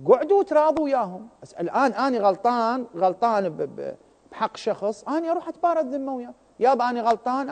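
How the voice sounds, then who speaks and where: High, animated Iraqi religious speaker. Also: male voice, long reverb tail. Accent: Iraqi Arabic. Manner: animated, acts out everyday people in dialogue, rhetorical questions. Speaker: religious scholar. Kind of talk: televised religious talk.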